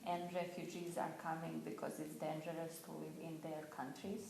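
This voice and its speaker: Low, gravelly Bosnian-accented woman. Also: flat delivery, normal speed, crowd noise. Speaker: interviewee, former refugee. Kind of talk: personal account. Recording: echoey room with background noise.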